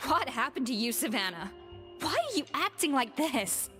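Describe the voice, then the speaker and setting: A composed former head chef who speaks with calm dignity in a high voice. A long reverb and soft game music sit behind her. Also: normal speed.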